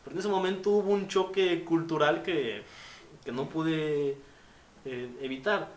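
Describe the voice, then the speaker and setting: A man's voice: a little high, measured pace. A young Mexican man with a Mexican accent, telling stories in casual, slangy chat. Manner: storytelling, slangy, animated retellings. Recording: roomy with faint noise.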